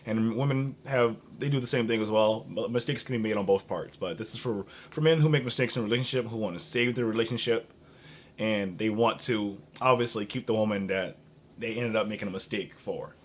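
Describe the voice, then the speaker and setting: Halting young American man giving relationship advice. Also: mid-range voice, a little hiss or hum. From Minnesota, United States. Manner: halting, often breaks off and repeats phrases. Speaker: dating advice vlogger. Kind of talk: rambling off-the-cuff advice and personal anecdotes.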